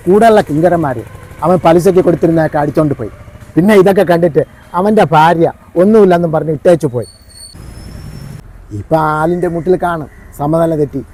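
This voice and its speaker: An actor playing a gossiping village elder in a comedy skit, telling a story in a chatty way. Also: male voice, a little high, fast, pauses often, dark tone, natural voice.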